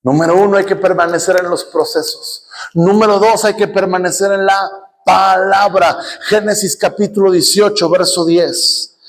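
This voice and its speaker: A middle-aged man with a Mexican accent, a pastor telling a personal story and then preaching with mounting, shouted passion in a church. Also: high voice, fairly even intonation, normal speed. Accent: Mexican Spanish. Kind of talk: sermon.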